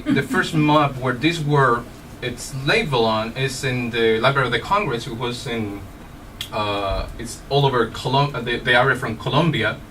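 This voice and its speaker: Male audience member from Chile, sharp tone, halting question, far from mic. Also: mid-range voice, slight background noise. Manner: searching, halting phrasing.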